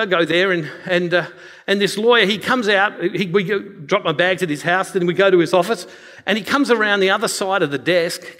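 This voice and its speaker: Australian man, slightly high voice, storytelling talk to an audience, long hall echo. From Western Australia. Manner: animated, acts out dialogue with a hushed voice for God. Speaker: speaker.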